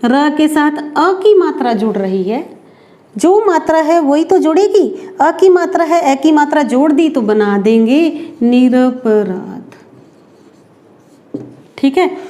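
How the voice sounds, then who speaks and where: A woman teaching a grammar lesson for exam students, slow and deliberate, asking and answering her own questions and drawing out example words. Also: high voice, mellow.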